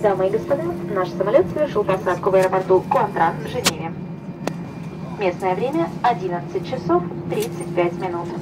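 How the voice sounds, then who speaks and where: A flight attendant, a woman, reads a formal, brisk in-flight announcement over the plane cabin loudspeaker after landing. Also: medium pitch, animated. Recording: distant cabin PA over loud engine noise. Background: loud aircraft cabin noise.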